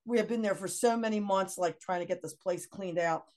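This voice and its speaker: A middle-aged woman guest, casually telling an animated anecdote, full of laughs and quoted dialogue. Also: medium pitch, fairly quick. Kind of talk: casual storytelling.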